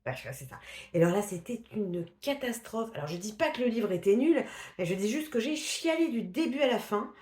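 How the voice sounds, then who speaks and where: A woman's voice: a little high, lively intonation, a little fast, darkish tone, roomy sound. A woman casually reviewing the books she has read, talking in a chatty, hesitant way with many fillers, restarts and laughs. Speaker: book vlogger. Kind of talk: casual book review chat.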